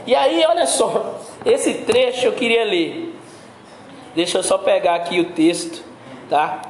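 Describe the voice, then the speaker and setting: High-voiced Brazilian pastor in echoey hall. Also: male voice, very animated, a little slow. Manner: conversational, keeps asking listeners direct questions. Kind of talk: sermon. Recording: very echoey room with faint background noise.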